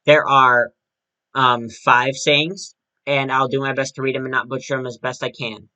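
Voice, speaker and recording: Male reviewer, bright forceful tone, casual chatty delivery full of restarts. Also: mid-range voice, little pitch movement, normal speed, rough recording. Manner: chatty, with frequent restarts and self-corrections. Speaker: toy and prop reviewer.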